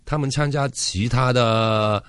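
A man from Hong Kong who speaks Mandarin as a Cantonese native, with a Cantonese accent, answering casually in an interview in a halting way and repeating his words. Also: medium pitch, a bit bright, clear, resonant tone, dry recording. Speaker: actor, interview guest.

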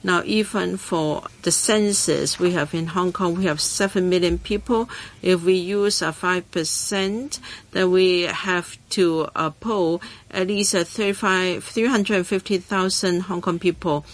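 A woman's voice heard as a live interpreter, turning an official's remarks into English as he speaks. She sits somewhat low in pitch and moves in halting phrases, filling gaps with "uh" while she waits for the next words. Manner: halting, pausing with "uh" between phrases. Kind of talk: simultaneous interpretation at a hearing.

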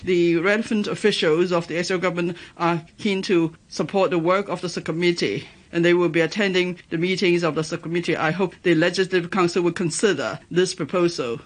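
A man giving a live interpreter voice, relaying a speech in a measured, halting way with some self-corrections. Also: high-pitched, steady tone, rough recording. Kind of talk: simultaneous interpretation.

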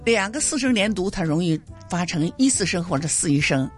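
Brief: female language teacher, very lively pitch, laughs easily, faint music under the studio voice. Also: a little fast. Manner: animated, laughing, explains with examples. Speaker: Mandarin teacher, professor. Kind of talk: explaining pronunciation on a radio lesson.

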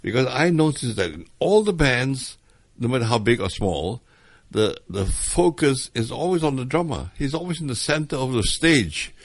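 A man's voice: mid-range voice, very animated, moderate pace, dry recording. An older man from Hong Kong, reminiscing hesitantly with many fillers in an interview. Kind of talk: oral history interview.

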